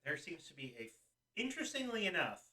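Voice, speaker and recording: A man's voice: a little high, sing-song, brisk, bright, forceful tone, recorded from a distance, rough recording. A young man co-hosting a podcast, recapping a movie in casual chat with lots of ums and laughs. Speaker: podcast co-host.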